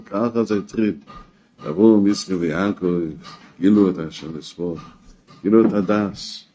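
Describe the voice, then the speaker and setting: A man teaching a weekly Torah class, emphatic, rising to exclamations and dropping low again. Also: dark tone. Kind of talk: spoken Torah lesson.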